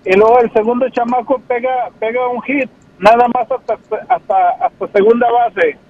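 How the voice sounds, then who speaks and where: Un hombre que llama a la radio y cuenta chistes con la voz alterada por un filtro de teléfono. Habla enredado y repite palabras. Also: male voice, very high voice, steady tone, normal speed. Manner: rambling storyteller, repeats words. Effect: voice-changing filter on the phone. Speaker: radio caller. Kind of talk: joking call-in chat. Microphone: phone. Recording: dull phone line with faint noise.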